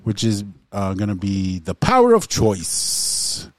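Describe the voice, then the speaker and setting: A man's voice: fairly low pitch, wildly swooping pitch, slow, no room sound. A man hosting a podcast, joking and laughing with his co-hosts and reading an article aloud. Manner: laughs often, jokes with co-hosts. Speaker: podcast host.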